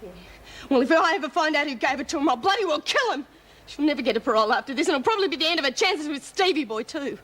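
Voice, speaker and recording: A woman's voice: high voice, expressive, rapid-fire, fairly bright tone. An actress playing a tough, blunt, impatient female inmate spoiling for a fight in a television drama. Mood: angry. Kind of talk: television prison drama acting.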